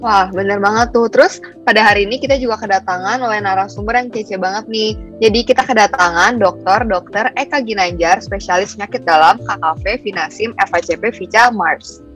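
A woman's voice: medium pitch, fairly quick, fairly bright tone. Young female co-host, chatty and keen; faint music beneath. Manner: chatty, enthusiastic. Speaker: podcast co-host. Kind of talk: casual podcast hosting.

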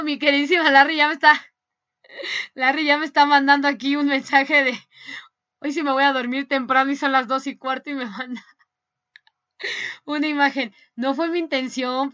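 A woman hosting a fan radio show, reading listener messages in casual chat and gushing with frequent laughter. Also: sits high. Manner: laughs often, gushing and excitable.

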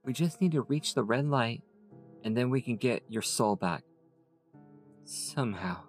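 Man playing an anxious mother, higher register, lively, soft music under. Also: measured pace, close to an everyday voice. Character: frightened young mother protecting her son. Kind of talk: storybook narration.

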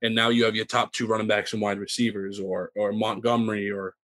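A male podcast co-host chatting casually about fantasy football. His tone is bright and forward and the sound is dry and close. He rambles, restarting his sentences. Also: on the low side, little pitch movement, brisk, no echo. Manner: rambling with many fillers and restarts.

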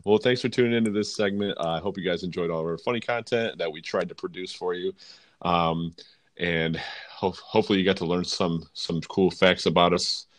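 Man, podcast host, very deep, dry, casual, chuckling between thoughts. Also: a little fast, no room sound. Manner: laid-back, laughing, filler-heavy.

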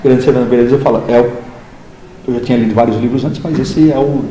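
Fast-talking animated storyteller man. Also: medium pitch, a little hiss or hum. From interior of São Paulo state, Brazil. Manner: animated, acts out dialogue in other voices. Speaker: literature teacher, guest. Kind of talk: casual interview storytelling. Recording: roomy echoing room.

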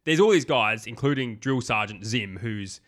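Bright-voiced man riffing on a film. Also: mid-range voice, moderate pace. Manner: animated, swears freely, acts out scenes. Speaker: podcast co-host. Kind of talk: casual film discussion.

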